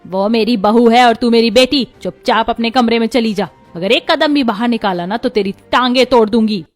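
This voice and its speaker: A woman's voice: on the high side, animated, normal speed, soft background music. A woman voicing a strict but caring middle-aged mother-in-law in a cartoon, with a commanding, scolding manner.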